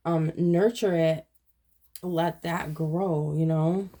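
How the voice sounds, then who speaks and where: A woman with a fairly low voice gives a relaxed tarot reading to camera. She meanders from thought to thought and leans on "you know" and "um" as she goes. She stays earnest and reassuring as she speaks directly to the viewer. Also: gravelly. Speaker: tarot reader. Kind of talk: casual spoken tarot reading.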